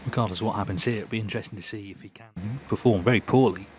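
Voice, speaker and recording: A man giving measured, analytical snooker commentary in a hushed, low-key way. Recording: noisy arena crowd behind, clicks. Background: loud snooker crowd.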